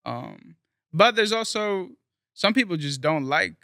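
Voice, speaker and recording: Young man, interview guest, earnest, rambling, smooth tone, crisp. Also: high voice, sing-song, unhurried, pushed and bright, no room sound, clean studio sound. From South Florida, US. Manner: rambling, filler-heavy, earnest. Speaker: guest musician. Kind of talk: casual interview chat.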